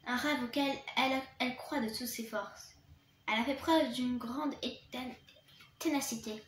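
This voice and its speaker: Woman reading a kind calm headmistress, gentle, high voice, echoey room. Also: a little slow, slight background noise. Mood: earnest.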